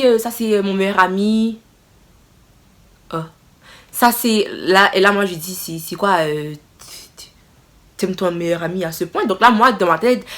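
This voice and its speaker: A young woman telling a casual storytime to her viewers, expressive and exclaiming as she retells the scene. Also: medium pitch. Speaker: vlogger.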